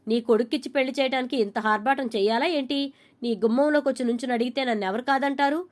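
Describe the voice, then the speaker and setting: A woman's voice: high voice, fast talker, natural voice. A woman voicing an angry middle-aged mother who scolds indignantly in a serial retelling. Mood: indignant scolding.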